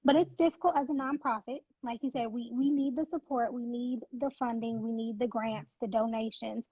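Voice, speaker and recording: Husky, earnest woman, founder on a call. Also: on the high side, steady tone, brisk, dark tone, no room sound, dull audio. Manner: earnest, faith-driven, emphatic. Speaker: nonprofit founder, former NICU mom. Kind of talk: interview guest.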